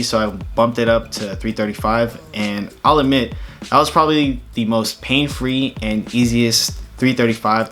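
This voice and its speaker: A man's voice: on the low side, a bit bright. Laid-back young man, vlog voice-over. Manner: laid-back, slangy, matter-of-fact. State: out of breath while hiking. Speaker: fitness vlogger.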